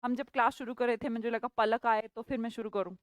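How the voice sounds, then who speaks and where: High-pitched playful woman teacher. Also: steady tone, brisk, no room sound. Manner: chatty, playful, teasing students by name. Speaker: English vocabulary teacher. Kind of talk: live online class, teaching in Hindi.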